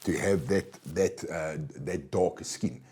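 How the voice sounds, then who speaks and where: A man's voice: low voice, slow pace, warm tone. A man, guest in a casual podcast chat, rambling and repeating himself. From South Africa. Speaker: guest, supplement business owner.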